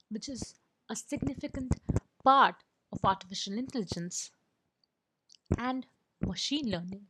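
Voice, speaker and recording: A woman presenting an explainer lesson as scripted narration, in a steady, read-aloud delivery. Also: on the high side, background noise.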